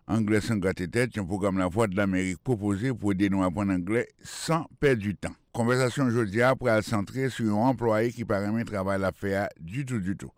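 A man's voice: lowish voice, no echo. Man teaching English on radio, dry sound. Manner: explains words slowly, repeating and spelling them out.

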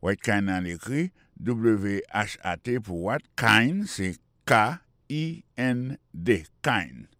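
A man hosting a radio English lesson who explains words slowly, repeats them and spells them out letter by letter. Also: lowish voice, animated, fairly bright tone, dry recording, studio quality. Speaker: radio English teacher and host.

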